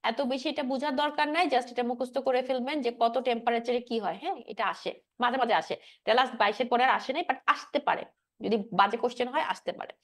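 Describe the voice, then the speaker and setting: A woman's voice: a little high, fast talker. A woman giving an exam-prep biology lecture, drilling key points and often checking that students follow. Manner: drills points with frequent checks, mixing English terms. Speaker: biology teacher.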